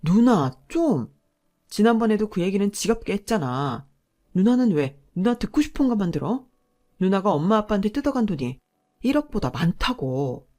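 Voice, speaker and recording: A woman's voice: mid-range voice, sing-song, normal speed, warm tone, close to an everyday voice. Woman doing a fed-up husband, frustrated and pleading, storybook voice. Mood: exasperated. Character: exasperated younger brother, a married man.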